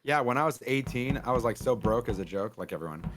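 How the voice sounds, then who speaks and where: A man's voice: medium pitch, expressive, fast. A man streaming a party game with friends, chatting casually and rambling with lots of fillers. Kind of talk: casual chat. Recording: noisy mic with clicks.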